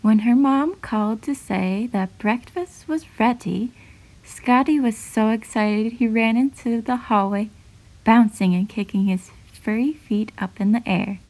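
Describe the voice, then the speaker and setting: A woman reading her own children's picture book aloud in a gentle, clear, even storytelling voice. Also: on the high side, a little slow, low-quality recording. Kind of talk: storybook read-aloud narration.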